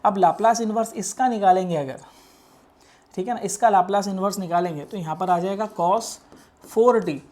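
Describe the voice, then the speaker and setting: A man's voice: sits high, moderate pace, a little mellow. Patient man teaching maths step by step. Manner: explains patiently, keeps checking in with students; mixes English math terms into spoken Hindi. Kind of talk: step-by-step lecture on worked problems.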